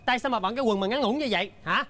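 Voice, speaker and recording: A man's voice: very high voice, pushed and bright. An actor playing a bossy middle-aged father who lectures the neighbors in a scolding way. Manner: scolding, rapid-fire lecturing. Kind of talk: sitcom acting.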